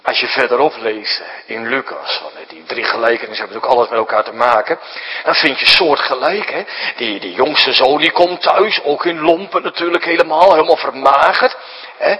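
A man preaching a sermon, explaining things to children, jumping high for emphasis and sinking to a hushed whisper. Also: fairly quick, long reverb tail, low-quality recording. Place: church.

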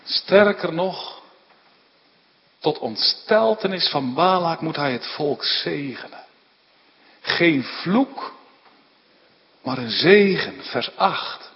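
Male preacher, lively pitch, long church reverb. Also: drawn-out words, pauses often, muffled recording, a little hiss or hum. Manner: retelling scripture with emphatic rises, frequent tag "hè". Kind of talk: sermon.

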